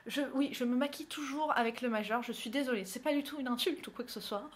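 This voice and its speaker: A woman's voice: sits high, quick pace. A young woman from northern France, chatty and self-mocking, talking through her makeup routine in a casual tutorial. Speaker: beauty vlogger. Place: indoors at home, by a window.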